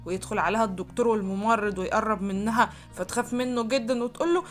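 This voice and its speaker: Fast-talking woman narrating a drama recap. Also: mid-range voice, steady tone, soft background music. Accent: Egyptian Arabic. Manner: brisk, running storytelling.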